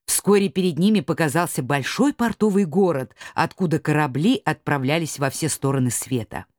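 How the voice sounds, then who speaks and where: A woman narrating a children's storybook with an expressive delivery. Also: sits low, moderate pace, no room sound, clean studio sound.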